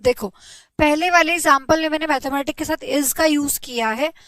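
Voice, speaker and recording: Young female grammar teacher, high voice, patient and checking in often, slow dictation, dry close recording. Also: a bit bright, no room sound, rough recording. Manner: explains patiently with repeated check-ins to students; dictates example sentences slowly. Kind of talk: online class lecture.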